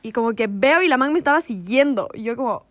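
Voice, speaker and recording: A woman telling a story in casual chat, animated and laughing, dropping in English slang. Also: fairly high pitch, fast talker, crowd noise.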